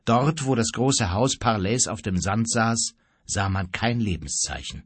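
Husky male audiobook narrator, lively telling. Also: on the low side, measured pace, no room sound. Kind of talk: scripted narration.

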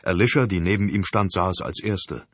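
A man reading an audiobook in a steady, measured storytelling voice. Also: low voice, husky, dry recording. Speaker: audiobook narrator. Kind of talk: scripted audiobook narration.

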